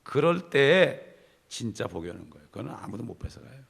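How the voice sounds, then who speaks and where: A middle-aged man preaches a Bible study with a gravelly, creaky edge to his voice. He leans into his points emphatically and speaks in a conversational way, often addressing the congregation directly. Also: mid-range voice, big pitch swings, a little fast, a bit bright. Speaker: pastor.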